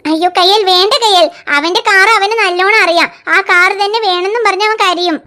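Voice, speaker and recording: A woman's voice: very high voice, a little fast, sharp tone. A woman voicing a young cartoon mother who coaxes and soothes her crying toddler in a fretful, sing-song way. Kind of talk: cartoon dialogue.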